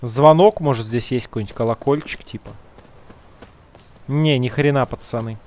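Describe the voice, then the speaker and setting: A man's voice: mid-range voice, darkish tone. A man giving casual gameplay commentary, talking in slang to his viewers and muttering his thoughts as he plays. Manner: slangy, talks to viewers as "guys"; muttering to himself, drawn-out musing. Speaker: let's play gamer.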